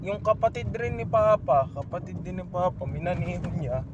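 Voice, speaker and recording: A man's voice: high-pitched, normal speed, muffled recording. A teenage boy vlogging from a moving car, chatting politely and agreeably with a relative. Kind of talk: casual chat. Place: inside a moving car on city streets. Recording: noisy car interior.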